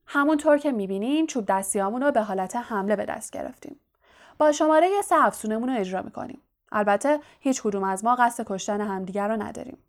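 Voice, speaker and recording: A woman's voice: on the high side, expressive. A woman voicing a vain, boastful male wizard teacher in an audiobook, talking in a showy, self-satisfied way and projecting grandly. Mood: theatrical. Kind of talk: audiobook character voice.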